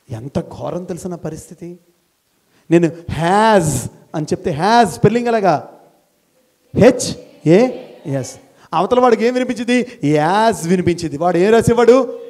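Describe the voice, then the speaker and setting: Man, high-pitched, middle-aged, from India, motivational talk to students, rhetorical questions, repeats lines for emphasis. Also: normal speed. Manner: animated, fires rhetorical questions at the audience; repeats key phrases for emphasis. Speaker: motivational speaker, school principal. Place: college gathering, addressing students.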